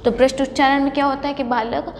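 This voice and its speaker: High-voiced woman lecturing in an echoey hall. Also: little pitch movement, fast, slight background noise. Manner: explains by asking and answering her own questions. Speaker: college lecturer. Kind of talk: classroom lecture.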